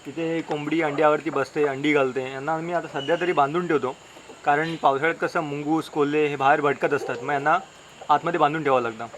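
A man's voice: fairly high pitch, steady tone, fast talker, a bit bright, a little hiss or hum, rough recording. A man with a Konkan Marathi accent vlogging casually outdoors, chatty and teasing as he shows things to his viewers. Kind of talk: casual village vlog narration. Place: outdoors in a village and forest. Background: insects and birds.

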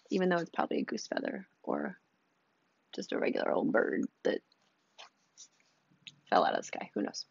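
A woman's voice: medium pitch, a bit bright, dry recording, muffled recording. A woman chatting casually at home as she unboxes a subscription box, rambling and reading items aloud with asides. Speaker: unboxing vlogger. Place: room at home, storm outside.

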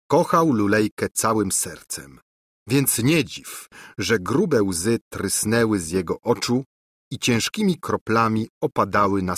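A man with a husky, theatrical voice narrating a fairy-tale audiobook. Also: fairly low pitch, fairly bright tone, no echo.

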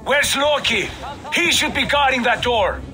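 Sharp-voiced Norse warrior god. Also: male voice, very high-pitched, animated, unhurried, full character voice. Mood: alarmed. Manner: formal, declamatory. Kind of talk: video game acting.

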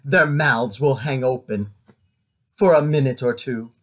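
A man voicing a sly, gloating grinch for a children's storybook, with smug, oily, drawn-out phrasing. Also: medium pitch, voice pushed down, lightly acted. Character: sly, gloating grinch posing as a kindly Santa.

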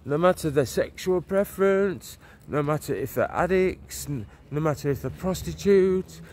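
In this walk-and-talk preaching vlog, a man in his forties strolls a leafy street and park, speaking earnestly into a phone at arm's length with a fairly high, darkish voice, lively intonation and moderate pace. He rambles, restarting often and saying "you know". Faint traffic and street noise sit underneath.

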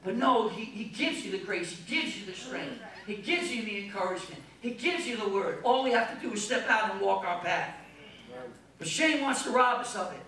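A pastor preaching a sermon with emphatic delivery and playful asides. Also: male voice, high-pitched, animated, normal speed, pushed and bright. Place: church sanctuary. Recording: echoey church, mic far off.

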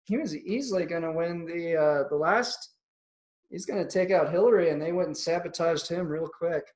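A man's voice: on the high side, normal speed, a little mellow. A man hosting a casual trading webinar, talking hesitantly with frequent fillers and restarts. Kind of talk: casual conversational chat.

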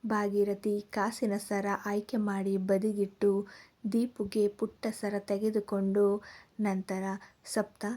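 A woman storyteller reading a scripted story in a calm, measured way. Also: medium pitch.

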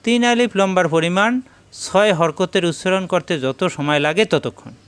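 A man with a Bangladeshi Bengali accent teaching Quran recitation rules step by step, patiently drilling syllables by repeating them slowly. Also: sits high, expressive, clear, resonant tone. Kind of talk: step-by-step tajweed lesson.

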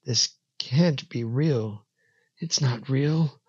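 A man's voice: on the high side, very animated, very slow, a little mellow, muffled recording, pitched above the performer's own voice, full character voice. A man voicing a frightened small boy who calls shakily for his parents and pleads through tears. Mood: stunned despair. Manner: shaky, pleading, fighting back tears.

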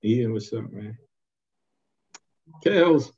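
A man's voice: fairly low pitch, expressive, extremely slow, darkish tone, slightly rough. An American man chatting casually on a video call with dull audio. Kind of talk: casual chat.

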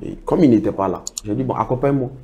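The audio is dull, and the middle-aged man's mid-range, mellow voice comes out rapid-fire. He's a project financing consultant interviewed casually as a guest, telling stories and impersonating what others told him.

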